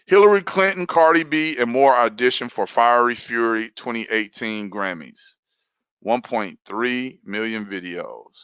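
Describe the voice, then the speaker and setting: A man's voice: medium pitch, unhurried, a bit bright, clean tone, dry recording, lo-fi sound. A man coaching an online class on video content, talking loosely and repeating key phrases for emphasis. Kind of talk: live online training session.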